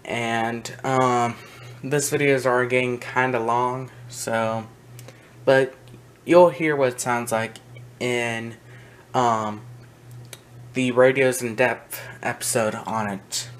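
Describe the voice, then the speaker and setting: Holding the camera himself, a man hosts a loose show-and-tell of his hobby collection inside a small room with wooden shelves. He talks slowly with long pauses in a steady, mid-range voice, hesitant and prone to trailing asides. The built-in mic records noisy audio carrying faint room noise.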